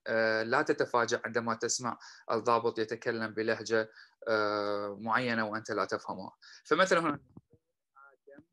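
Man teaching slowly, then explaining quickly. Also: mid-range voice, fairly bright tone, rough recording. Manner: slow, drawn-out repetition when modeling phrases; quick and explanatory between examples. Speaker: language teacher. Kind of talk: teaching lesson.

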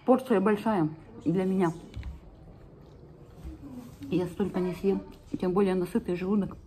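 A woman's voice: mid-range voice, steady tone, unhurried, mellow, slight background noise. A middle-aged woman chatting casually in a cafe during a mukbang, chewing while she talks. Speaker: vlogger. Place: cafe indoors.

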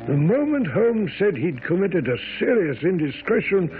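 An actor playing a loyal, genteel doctor who politely recounts a detective's case in a radio drama. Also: male voice, sits high, sing-song, normal speed. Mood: reflective narration. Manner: polite, storytelling. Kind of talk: 1970s radio drama narration and acting. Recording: tinny old radio broadcast, music behind.

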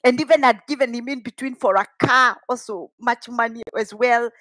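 A woman's voice: a little high, moderate pace, fairly bright tone, no echo, studio quality. A middle-aged woman with a Kikuyu Kenyan accent, telling a personal story in a dramatic, emphatic way on a headset mic. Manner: dramatic, emphatic, with rhetorical questions. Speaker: vlogger telling own life story. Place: home kitchen, indoors.

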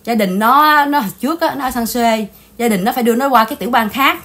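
A woman host from Vietnam chats in a casual gossip commentary style. She sounds indignant and talkative, often turning to speak straight to her viewers. Her voice sits a touch higher than most women's. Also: fast talker, fairly bright tone. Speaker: channel host.

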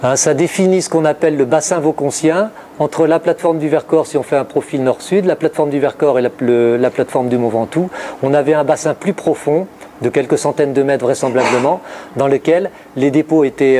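A middle-aged man delivers a university-style geology lecture with slides, steadily listing place names while using lots of fillers and correcting himself. His voice is medium-pitched, brisk and warm, with a little hiss or hum. He's in a large indoor lecture hall with blackboards, picked up by the room mic of a distant camera.

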